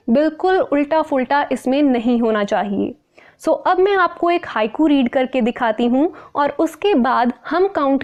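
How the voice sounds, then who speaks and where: High-voiced woman teaching a lesson. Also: a little mellow, lo-fi sound. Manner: clear, patient, mixing Hindi and English. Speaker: English teacher. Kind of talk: explaining a lesson to camera.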